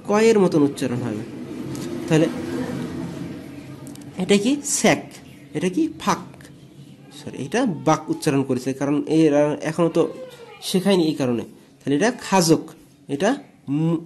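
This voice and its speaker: A man's voice: a little high, mellow. A man from Bangladesh teaching an online language lesson, explaining step by step and answering his own questions.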